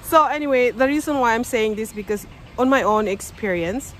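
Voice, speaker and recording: Here a woman vlogger talks casually to camera, her phone at arm's length, outside on a snowy suburban driveway. She's in her thirties, from the Philippines, with a Filipino accent, and her fairly high voice moves a little fast as she explains chattily with loose grammar, against a little hiss or hum.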